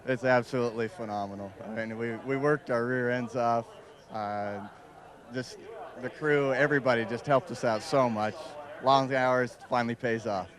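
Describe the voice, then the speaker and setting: A man's voice: mid-range voice, fairly even intonation, normal speed, a crowd in the background. A race driver answers in a matter-of-fact, tired way. He speaks outdoors at the track after a win. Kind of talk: post-race interview. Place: outdoors at a racetrack.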